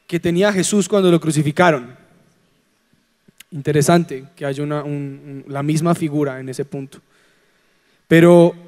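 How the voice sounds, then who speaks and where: A man with a high voice preaches in a conversational way to young people. He is animated and throws out teasing rhetorical questions. His voice rings with the long reverb of a hall. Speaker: preacher leading a youth forum.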